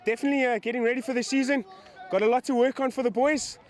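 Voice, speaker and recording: A man's voice: very high-pitched, fairly even intonation, rapid-fire. A man, a team captain interviewed outdoors, cheerful and tagging sentences with eh. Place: outdoors at a rugby ground.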